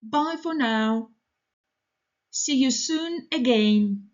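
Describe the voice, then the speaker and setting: Slow, high-voiced woman reading lesson sentences. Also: highs cut off. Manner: slow, deliberate, evenly paced reading. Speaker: English teacher. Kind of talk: reading model sentences for learners.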